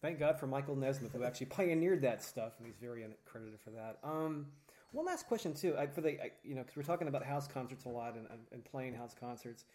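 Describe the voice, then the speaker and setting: A man's voice: medium pitch, expressive, fast talker, a little mellow. A man hosting a podcast, chatting easily with his guest and chuckling often. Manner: easygoing, chuckling interviewer. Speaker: podcast host. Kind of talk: casual interview chat.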